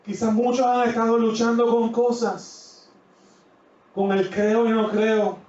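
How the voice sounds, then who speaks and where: A male pastor with a Puerto Rican accent preaching a sermon, booming in one phrase and dropping to quiet asides in the next, stretching out the scripture he reads. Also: flat delivery. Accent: Puerto Rican Spanish. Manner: drawn-out emphatic scripture reading. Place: church sanctuary. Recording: roomy, distant, dull church audio.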